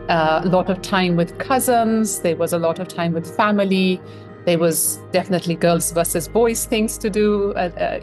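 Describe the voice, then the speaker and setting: A woman's voice: fairly low pitch, a little mellow. A woman in her thirties from Pakistan, an admissions consultant answering interview questions in a friendly, reflective way.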